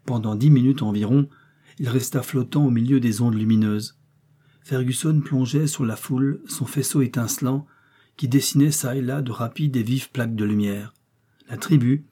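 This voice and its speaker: A man narrating a classic adventure novel in a measured, dramatic storytelling voice. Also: medium pitch, mellow, breathy edge. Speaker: audiobook narrator. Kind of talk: scripted narration.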